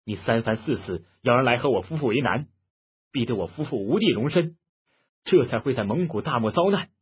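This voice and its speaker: Fierce female fighter, scolding, voiced by a male reader; husky, lo-fi phone sound. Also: medium pitch, big pitch swings, normal speed. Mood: angry. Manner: harsh, loud scolding. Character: fierce, scolding middle-aged female martial artist. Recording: muffled phone-like lo-fi audio.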